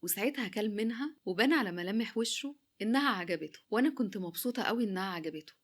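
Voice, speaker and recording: Egyptian woman telling a love story, chatty, lively, fast. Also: mid-range voice. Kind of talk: first-person romance story narration.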